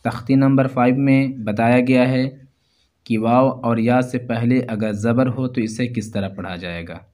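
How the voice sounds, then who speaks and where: A man's voice: medium pitch, steady tone, unhurried, darkish tone. A man teaching Quran letter reading step by step, patiently repeating each syllable in a drill.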